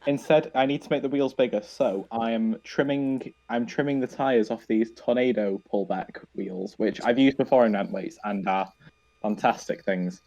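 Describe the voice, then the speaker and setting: Brief: mid-pitched man, chatty builder on a call, self-mocking and easygoing. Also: moderate pace, mellow, lo-fi sound. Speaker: robot builder. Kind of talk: casual commentary while working.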